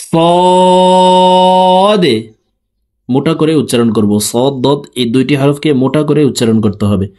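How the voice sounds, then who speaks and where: A man teaching letter pronunciation, explaining each sound slowly and then chanting it with long drawn-out vowels. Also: mid-range voice, warm tone. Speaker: Quran reading teacher.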